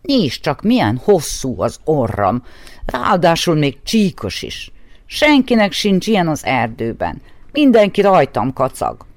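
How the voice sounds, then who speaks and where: A woman's voice: deep voice, huge pitch swings, dry recording, heavily acted. A woman doing a growling storybook badger. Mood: grumbling. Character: grumpy self-conscious badger.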